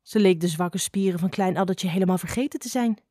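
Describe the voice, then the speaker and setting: A woman narrating a children's fable in a calm, even reading voice. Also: fairly low pitch, brisk, no echo, studio quality. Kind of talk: scripted storybook narration.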